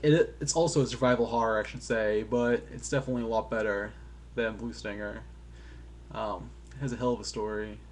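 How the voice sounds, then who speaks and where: A man's voice: medium pitch, slight background noise. Rambling, offhand male game reviewer. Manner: rambling, filler-heavy, offhand and self-deprecating; swears casually.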